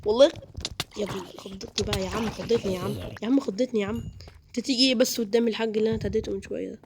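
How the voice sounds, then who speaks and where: A man with an Egyptian Arabic accent giving excitable live gameplay commentary, chattering to viewers. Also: high voice, racing, noisy background. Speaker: gaming video creator.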